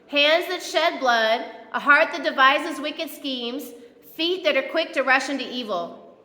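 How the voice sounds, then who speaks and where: A woman's voice: sits high, bright, forceful tone. A woman pastor giving a conversational, playful sermon in a church, acting out the quotes she tells. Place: church sanctuary. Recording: echoey church hall.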